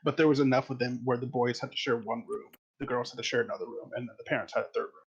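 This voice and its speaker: A man's voice: medium pitch, steady tone, quick pace, breathy edge, dull audio. A man telling rambling family anecdotes at a tabletop game session, correcting himself as he goes. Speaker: player. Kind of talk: casual storytelling at a game table.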